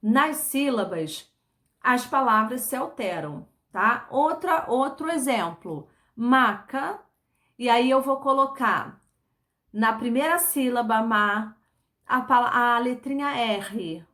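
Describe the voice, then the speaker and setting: A woman with a Brazilian Portuguese accent teaching a recorded online class, speaking slowly and patiently, repeating words syllable by syllable and checking in with short tag questions. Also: a little high, animated, a bit bright.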